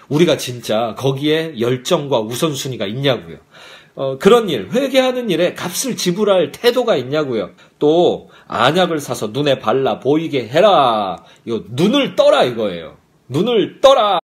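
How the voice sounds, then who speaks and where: A male pastor giving a morning prayer sermon, animated and conversational, often acting out the voices of God and of believers. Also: a little high, moderate pace.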